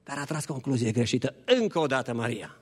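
A man preaching an Easter sermon as a pastor, passionate, shifting between hushed appeals and high pleading. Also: animated, husky. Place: church hall. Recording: long church hall reverb.

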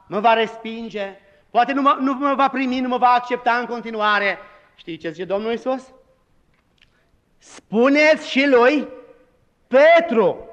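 A man's voice: very high-pitched, bright, forceful tone, in a large hall, highs cut off. A man preaching a sermon as pastor, with emphatic delivery and dramatized quoted lines.

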